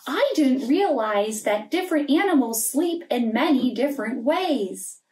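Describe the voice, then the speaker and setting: A woman's voice: sits high, expressive, unhurried, darkish tone, a little hiss or hum. A woman as a children's librarian, reading stories aloud with gasps and sing-song animal noises. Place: library room. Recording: roomy, distant camera audio.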